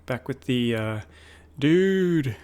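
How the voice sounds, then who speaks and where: A man casually talking through a game base, thinking aloud with frequent pauses. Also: medium pitch, clean tone. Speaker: gaming YouTuber. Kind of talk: casual gameplay commentary.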